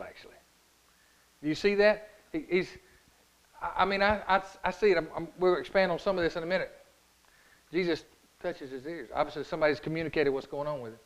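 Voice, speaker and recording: A man's voice: fairly high pitch, low-quality recording. A male pastor giving a conversational sermon. He often stops to ask the congregation rhetorical questions, and his speech halts as he repeats words and restarts. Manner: folksy, asks the congregation frequent rhetorical questions.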